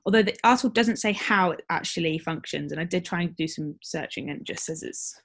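Chatty woman podcast co-host, low voice. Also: brisk. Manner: chatty, laughs often, many fillers. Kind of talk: casual chat.

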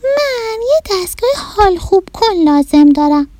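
Give me a tearful little rabbit pupil from a children's storybook, high-pitched, whiny and pleading, with a dry close sound. Her voice swings widely as she begs. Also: sing-song, mellow, dry recording. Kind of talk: storybook narration.

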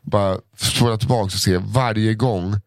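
A man chatting casually as podcast co-host, self-mocking and quick to argue, excitable in his banter. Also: fairly low pitch, dry recording, studio quality. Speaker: podcast co-host, comic actor. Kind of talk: casual chat.

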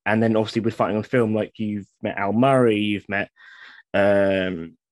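Guy rambling excitedly on a podcast, dry close mic, full of ums and likes. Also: on the low side, moderate pace, dry recording. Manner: enthusiastic, rambling with many fillers. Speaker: guest, living history reenactor. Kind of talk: casual podcast chat.

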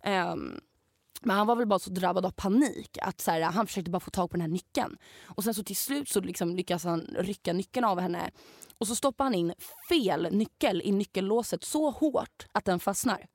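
A young woman, a podcast co-host, casually telling a story in an animated way, swearing freely and acting out what people said. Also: medium pitch, no echo.

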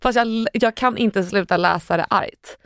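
A young woman co-hosting a podcast in casual chat, animated and acting out quotes. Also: clean tone, no echo, clean studio sound. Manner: animated, acts out quotes with sudden high outbursts and laughs. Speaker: podcast co-host.

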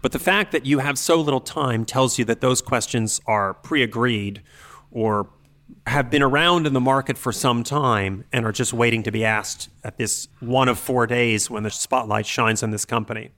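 A man acting as an expert podcast host gives measured, articulate, analytical explanations in a mid-range voice that is a bit bright.

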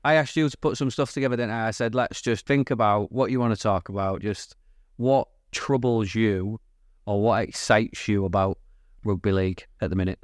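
A man co-hosts a podcast, chatting casually on a podcast mic in a low voice at a moderate pace. The recording is dry and studio-clean. He rambles, laughs often, and trails off mid-sentence.

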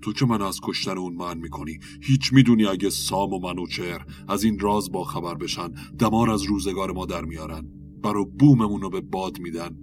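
A man's voice: low-pitched, steady tone, over music, lightly acted. A man voicing a furious old king. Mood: raging. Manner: roaring, harsh.

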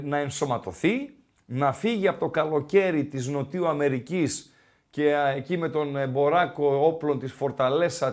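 A male sports radio host talking football in a casual, rambling way with many filler sounds, in a radio studio. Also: a little high.

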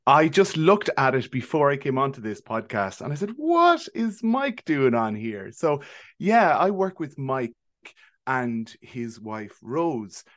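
A man's voice: mid-range voice, animated, unhurried. Irish man in casual interview. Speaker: podcast guest, behavioural specialist. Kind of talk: casual interview talk, explaining.

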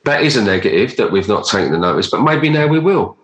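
A man's voice: fairly low pitch, sing-song, fast. A man hosting a casual interview, talking in an earnest, rambling way and repeating himself as he goes. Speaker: podcast host. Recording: roomy echo.

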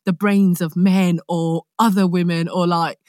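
This podcast guest, an actor born in Nigeria and now based in London, talks casually in a London accent. Her lowish, darkish voice is a little slow with a flat delivery, though she stays expressive and reflective with playful asides. The sound is studio quality, with no room sound.

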